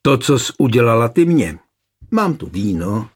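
A man reading a historical novel aloud voices a calm, mocking young nobleman taking revenge on his wife. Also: medium pitch, slightly rough.

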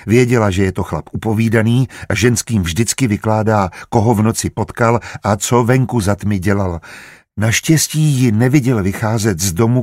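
A man narrating an audiobook in steady, even storytelling. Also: lowish voice, no echo, clean studio sound. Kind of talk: scripted narration.

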